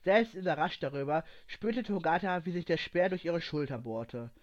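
A man reading a story aloud in an even, steady storytelling manner. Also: fairly high pitch, normal speed. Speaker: narrator. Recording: dull lo-fi recording.

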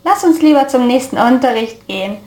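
A woman voicing a cheerful, pushy young male student who teases in a high, playful, whiny voice. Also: expressive, a little fast, darkish tone, roomy sound. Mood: breezy.

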